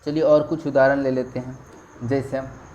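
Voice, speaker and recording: A man teaching a Hindi lesson on English articles, explaining slowly and repeating each example letter by letter. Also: mid-range voice, level tone, darkish tone. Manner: slow, repetitive explaining, spelling out letters. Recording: dull lo-fi recording.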